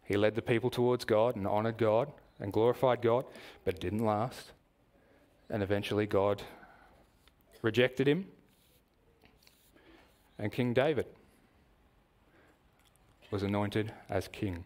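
A man with an Australian accent preaching a sermon in a church, measured and explanatory, asking the congregation questions. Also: lowish voice, a little mellow.

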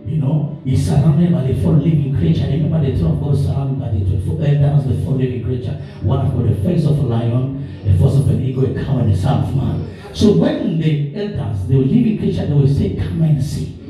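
A pastor with African English, his voice mid-range, dark in tone, and a little fast with hardly any pauses, preaches a sermon in a church hall. He builds repeated declarations that rise in force. The hall is echoey, and he's recorded from far off with music in the background.

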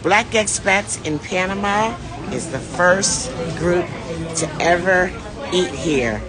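Holding her phone at arm's length on a city street, a middle-aged vlog host and tour organizer goes live in a casual selfie video. Her fairly low voice is animated yet unhurried, rising over a noisy crowd while music plays clearly behind her, and she eagerly addresses viewers as y'all.

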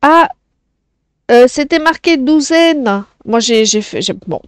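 A woman's voice: high-pitched, expressive, takes it slowly, clear, resonant tone, dry recording, clean studio sound. A woman teaching a French lesson to children, explaining patiently and often checking "d'accord?".

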